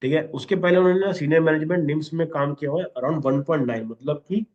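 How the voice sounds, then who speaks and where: Male instructor mid-lesson, pitch a bit high, dull recording, keeps asking "okay?". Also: quick pace, darkish tone. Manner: instructive, repeats 'okay?' constantly. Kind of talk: classroom lesson.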